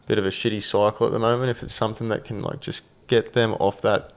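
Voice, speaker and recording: A man with a creaky voice, hosting a podcast as a laid-back, sweary, blokey casual chat. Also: lowish voice, level tone, quick pace. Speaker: podcast host.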